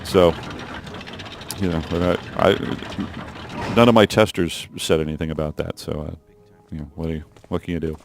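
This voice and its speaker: A man's voice: low voice, steady tone, normal speed, gravelly, a little hiss or hum. A man giving rambling developer commentary over gameplay of a mission he designed, with many fillers and restarts. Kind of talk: let's play developer commentary.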